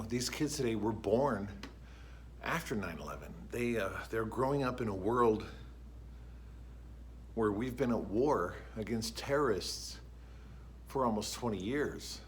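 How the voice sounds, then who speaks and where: A man's voice: lowish voice, a little hiss or hum. A middle-aged man, a band director, chatting casually to camera in a vlog and musing aloud as he goes about his day. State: a little out of breath.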